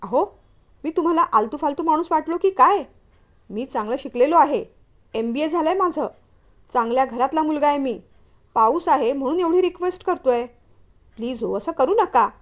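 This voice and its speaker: A woman's voice: sits high, animated, normal speed, pauses often. Woman voicing a pleading young man. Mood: earnest. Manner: pleading and earnest. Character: young man, polite, pleading, educated stranger.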